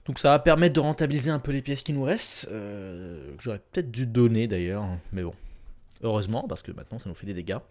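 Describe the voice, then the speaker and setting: A young man casually commenting on his own video game run, chatty and self-correcting with sudden excited bursts. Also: on the low side, quick pace. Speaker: gameplay commentator. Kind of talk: casual let's-play commentary.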